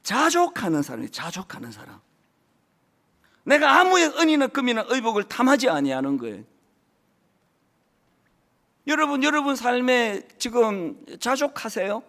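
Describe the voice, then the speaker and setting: A man's voice: very high-pitched, sing-song, moderate pace, long pauses, fairly bright tone. A man in his fifties, a senior pastor giving a conversational sermon, telling stories and speaking straight to the congregation. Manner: chatty storytelling, addresses congregation directly. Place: church service.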